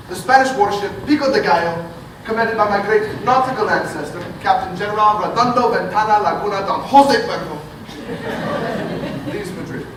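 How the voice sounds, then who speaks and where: An actor playing a flamboyant, theatrical family patriarch who tells grand stories, heard on a stage recording. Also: male voice, high voice. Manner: grandiose, showy storyteller. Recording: echoey theatre audio from far off, noisy.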